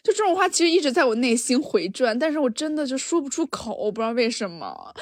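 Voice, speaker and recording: High-voiced woman telling a story, laughing. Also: fast talker. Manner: animated, laughs often, acts out quotes. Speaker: podcast co-host. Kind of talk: casual chat, storytelling.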